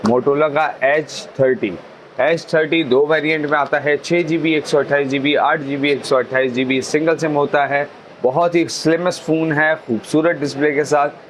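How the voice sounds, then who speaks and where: A man's voice: a little high, fairly even intonation, moderate pace, a little hiss or hum. A man with a Pakistani accent presenting products for a phone shop in a repetitive, salesman-like promotional patter. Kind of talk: promotional sales pitch listing phone models and prices.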